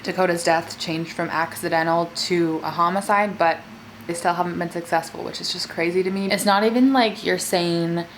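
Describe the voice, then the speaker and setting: A woman's voice: fairly low pitch, fairly even intonation, moderate pace, slight background noise, low-quality recording. A woman talking casually as a mukbang host, telling a true-crime story in a chatty way peppered with filler words. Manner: conversational, filler-heavy with frequent "like".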